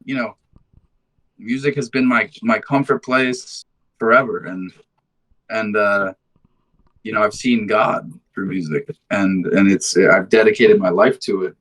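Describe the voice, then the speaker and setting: A band musician in his twenties gets interviewed on poor audio, his voice lowish, a little slow and fairly bright. Born in London, he moved to the United States in high school, and he tells stories in a laid-back, slangy, sweary way.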